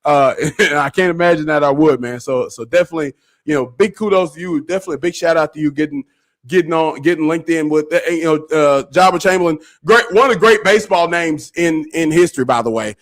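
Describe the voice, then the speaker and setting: Laid-back man, slightly high voice. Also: fast talker. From Arkansas, USA. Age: 40s. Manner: laid-back, laughs often, repeats words. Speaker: podcast host. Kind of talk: casual chat.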